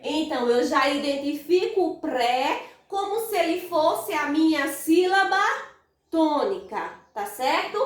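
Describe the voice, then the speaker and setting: A Brazilian woman teaches a children's grammar lesson, her voice high and her pace unhurried. She stretches the stressed syllables out in sing-song calls. She sounds distant from the mic in a strongly echoing room. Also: fairly bright tone. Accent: Brazilian Portuguese. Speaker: primary school teacher. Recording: echoey room, voice far from the mic.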